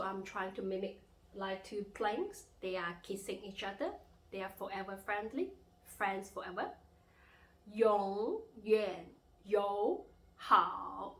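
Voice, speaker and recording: In a Mandarin language lesson, a woman patiently teaches tones, drawing out each demonstrated phrase in slow drills. Her voice is mid-range and reverberant.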